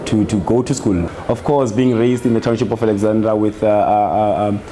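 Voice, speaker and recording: A South African man who runs a tour company, speaking in a documentary interview in a halting, deliberate way with repeated words. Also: lowish voice, fairly even intonation, mellow, a little hiss or hum.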